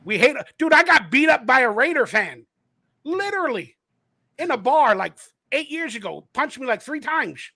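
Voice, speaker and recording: Guy hosting a live fan stream, high bright voice, acts out stories, cusses a lot. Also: normal speed, no room sound. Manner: animated storyteller, acts out quotes, swears freely. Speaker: host of a fan livestream. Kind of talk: casual chat.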